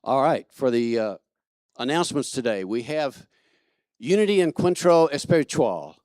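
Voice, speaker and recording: A man's voice: mid-range voice, expressive, moderate pace, a little mellow, no room sound, clean studio sound. A man from Kentucky giving church announcements as platform assistant, chatty and joking with many fillers. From Kentucky, USA. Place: church service.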